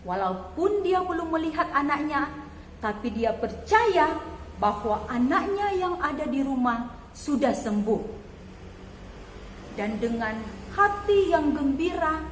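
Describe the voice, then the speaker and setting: Slow, high-voiced woman storyteller. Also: lively intonation, a little hiss or hum. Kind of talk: children's Bible story narration. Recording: echoey hall, faint ambience.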